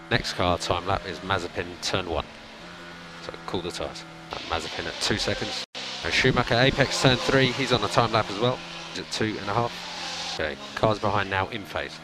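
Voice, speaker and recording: A man working as a race engineer, speaking over race car team radio in calm, clipped instructions that he repeats twice. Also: low-pitched, normal speed, background noise.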